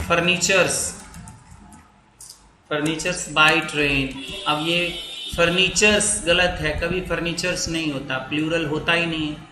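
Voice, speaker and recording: A man teaching an English grammar lesson who slowly dictates his example sentences word by word. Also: a little high, bright, forceful tone, echoey room.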